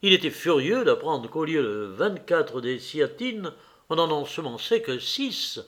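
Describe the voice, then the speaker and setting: A man narrating a classic novel in a measured, steady reading voice. His pitch sits a little high for a man, and the delivery is even and unhurried. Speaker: audiobook reader. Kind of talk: scripted narration.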